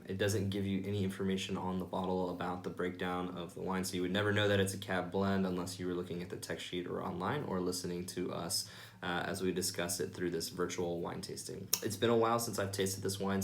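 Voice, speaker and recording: A man hosting a wine tasting, giving informal sommelier-style tasting notes in an explanatory way, with frequent ums and pauses. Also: deep voice. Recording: roomy, echoey indoor sound.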